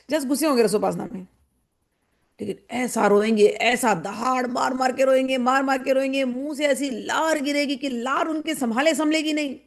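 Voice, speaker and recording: High-voiced woman giving a mocking devotional talk. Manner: animated, mimics the people she describes; wry, mocking. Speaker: spiritual teacher. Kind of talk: devotional discourse.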